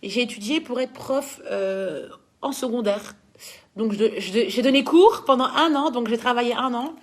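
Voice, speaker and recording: A young Belgian woman with a Belgian French accent speaks at a normal speed in a fairly high voice. She's a dancer chatting casually while reading out viewers' questions and answering them.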